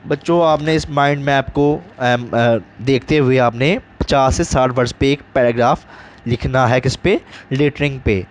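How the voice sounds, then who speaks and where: A male teacher, explaining an English lesson step by step and reading example sentences slowly. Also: mid-range voice, a little hiss or hum. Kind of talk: recorded classroom lesson.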